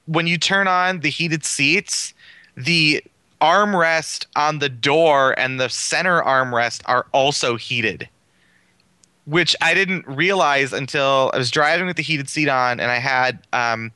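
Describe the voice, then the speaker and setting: A man talks cars in relaxed podcast chat, enthusiastic and rambling, stacking up fillers as he goes. His voice is very bright and forceful. The recording is close and dry. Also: a little high, slow pace, clear, resonant tone, dry recording. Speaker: car reviewer on a podcast. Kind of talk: casual chat.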